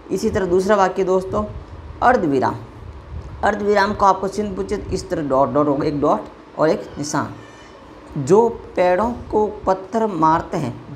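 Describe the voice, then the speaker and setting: Low-voiced woman teaching a lesson. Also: a little hiss or hum. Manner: repeats "friends" often, poses questions and answers them. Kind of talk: explanatory lesson.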